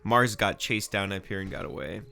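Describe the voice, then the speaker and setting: A man with a low-pitched, bright and forceful voice calls a video game match live in a loose, chatty way. His nose is audibly stuffy, and he wanders off into asides as he talks. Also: moderate pace, vocal fry, clear, resonant tone. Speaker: game commentator. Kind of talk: casual live commentary.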